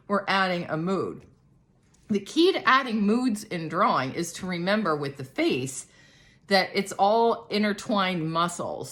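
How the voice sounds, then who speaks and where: A woman's voice: lowish voice, a bit bright. A middle-aged woman, an art teacher, explaining a drawing lesson in a chatty, demonstrative way.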